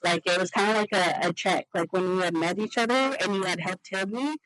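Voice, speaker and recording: A woman hosting a casual podcast chat, talking in a halting, rambling way full of "like" fillers. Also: on the low side, a bit bright, low-quality recording. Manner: halting, heavy use of "like" fillers. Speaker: podcast host.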